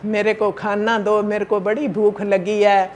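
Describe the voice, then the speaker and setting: A man voicing a gentle, patient elderly mother in a spoken parable, speaking softly and forgivingly. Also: sits high, monotone, unhurried.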